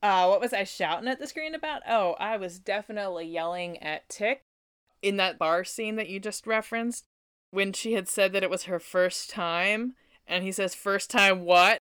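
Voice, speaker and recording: Bright, crisp young woman, casual recap co-host, animated delivery, dry close sound. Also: mid-range voice, normal speed, dry recording. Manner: animated, shouts quoted lines, self-deprecating jokes.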